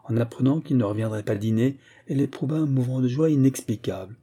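A man narrating a classic novel in a measured, grave voice. His tone is very dark and mellow, with a husky edge. Scripted literary audiobook reading. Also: mid-range voice.

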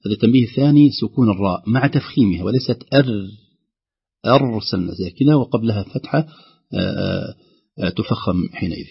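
Husky fast-talking man teaching recitation. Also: lowish voice, dull audio. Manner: explains carefully, slowly demonstrating words aloud. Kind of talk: radio explanation of recitation rules.

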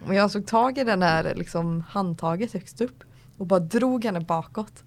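A young woman co-hosting a podcast who tells a story in teasing casual chat and laughs as she goes. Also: medium pitch. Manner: teasing, laughs while telling. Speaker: podcast co-host.

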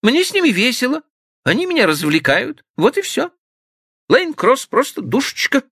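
A man's voice: huge pitch swings, moderate pace, fairly bright tone, husky, no room sound, studio quality, full character voice. Man putting on a tearful young woman. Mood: carefree. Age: young adult. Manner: high plaintive pleading falsetto.

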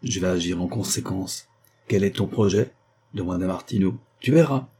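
A man reading a novel aloud as an audiobook narrator, giving the dialogue only small lifts in pitch and little change of voice. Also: normal speed, warm tone, a little hiss or hum.

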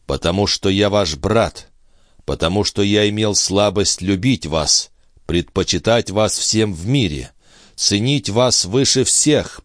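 A man's voice: low-pitched, no room sound, clean studio sound. A man voicing a hot-tempered young man in an audiobook, speaking in a bitter, accusing way.

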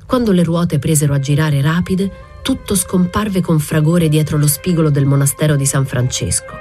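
A woman with a low, mellow voice reads a novel aloud in a measured, even narration. Soft music sits faintly underneath her. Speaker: audiobook reader. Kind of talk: scripted literary narration.

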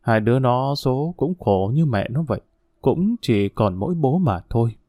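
A man's voice: medium pitch, animated, normal speed, dark tone, no room sound, studio quality, natural voice. A man voicing a weary old grandmother. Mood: sorrowful. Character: weary old grandmother, stern yet tender. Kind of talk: audiobook character voice.

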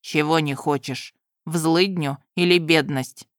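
Stern young nobleman, gruff and low, read by a woman, dry studio sound, audiobook. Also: steady tone, a little slow, dry recording. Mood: soothing. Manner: scolding, lowered gruff voice. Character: stern young male nobleman, scolding fiancé.

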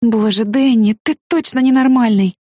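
A woman voicing an anxious, fiery young woman fresh out of school, her pitch lifted well above the reader's own low voice. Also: normal speed, dark tone, no echo, studio quality, lightly acted. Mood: grumpy sleepy. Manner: pleading and indignant outbursts.

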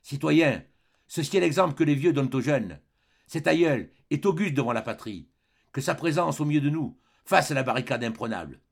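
A man's voice: fairly high pitch, expressive, fast, gravelly, fairly bright tone, husky, voice pushed up, exaggerated voice. Man playing a stern young rebel leader. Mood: solemn rallying. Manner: declaiming, rallying tone. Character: young male revolutionary leader, stern and commanding.

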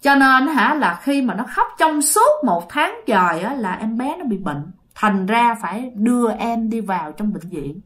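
A woman with a Southern Vietnamese accent narrates a ghost story, chatty and direct with her listeners. Her voice sits fairly high and swings lively up and down. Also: measured pace, hardly any pauses.

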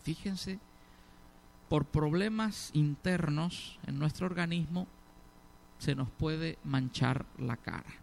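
A man's voice: fairly high pitch, takes it slowly, creaky, a little mellow. A middle-aged man preaching a sermon, asking the congregation questions and leaning hard on key words.

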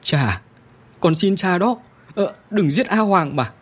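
A man's voice: sits high, expressive, takes it slowly, breathy edge, voice pushed up, heavily acted. A man voicing a teenage boy who cries and begs his father in a storybook narration. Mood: pleading, tearful. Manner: tearful, begging. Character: sobbing teenage boy pleading for his dog.

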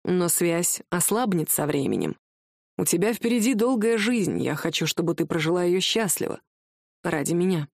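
Woman voicing a calm grave male wizard. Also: normal speed, vocal fry, no room sound, studio quality. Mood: sorrowful. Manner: calm, low, quietly sorrowful. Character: grave tender male wizard husband, restrained.

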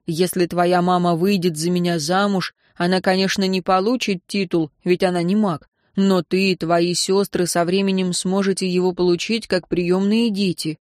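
A woman's voice: on the low side, fairly even intonation, a little mellow, no echo, clean studio sound, lightly acted. Woman reading as a stubborn protective man. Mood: earnest. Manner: measured, grumbling, hesitant at times. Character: protective young nobleman, stubborn. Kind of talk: audiobook character reading.

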